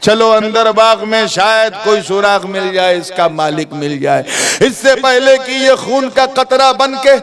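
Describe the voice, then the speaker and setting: A man's voice: a little high, unhurried, hardly any pauses, crowd noise. A man voicing a desperate, pious young man in his early twenties who tearfully begs forgiveness. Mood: begging. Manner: tearful, pleading, cries out to God.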